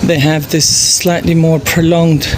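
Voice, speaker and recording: A man with an Albanian accent talks casually as he guides viewers on a walking tour. His voice sits a little higher than most men's. He is recorded outdoors, with clear street noise and vehicles behind him. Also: little pitch movement, unhurried. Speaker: travel vlogger. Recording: noisy outdoor street, traffic ambience. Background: street ambience, vehicles.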